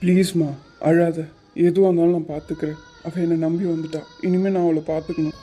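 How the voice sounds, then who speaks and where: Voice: mid-range voice, flat delivery, fairly quick, mellow, husky, lightly acted. A performer voicing Arjun, a young man who talks in an earnest, reassuring way, for a cartoon. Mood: pleading. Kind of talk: cartoon voice acting.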